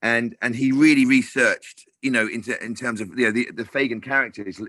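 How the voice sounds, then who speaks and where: A man's voice: medium pitch, steady tone, a little fast, pushed and bright, no room sound. Chatty man, dry close sound. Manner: rambling, many restarts and fillers. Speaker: TV director. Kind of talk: casual interview chat.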